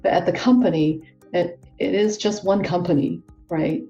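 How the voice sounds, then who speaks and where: A Hong Kong woman, a guest tax professional, answers interview questions casually and chattily at normal speed, with lots of fillers, restarts and self-corrections. Her voice is slightly low and mellow. The recording is dull and muffled, captured from a distance off the mic, with faint music in the background.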